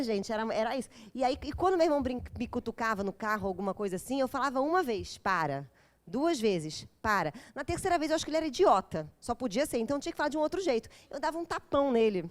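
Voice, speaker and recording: A woman giving an intense, dramatic talk at a parents' course, quizzing her audience as she goes. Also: high voice. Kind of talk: lecture to a live group.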